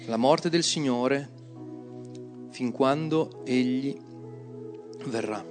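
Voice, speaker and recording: A man preaching and leading prayer in church, slow and prayerful, rising to loud fervent exclamations. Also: mid-range voice, music in the background. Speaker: pastor. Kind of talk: sermon.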